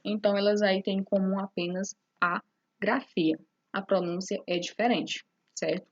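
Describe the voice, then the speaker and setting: A woman teacher with a slightly husky voice walks through a lesson at an unhurried pace, checking in again and again to ask whether her students follow. The recording sounds dull and lo-fi. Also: medium pitch, fairly even intonation. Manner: explains slowly, often checking in with "certo?".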